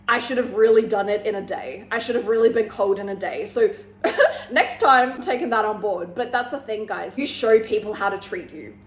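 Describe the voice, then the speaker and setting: A woman's voice: medium pitch, normal speed. A woman giving casual relationship advice to her viewers, blunt and sweary, often checking in with "okay?" and "guys". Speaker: relationship vlogger. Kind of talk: casual advice monologue to camera. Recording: echoey room with faint background hiss.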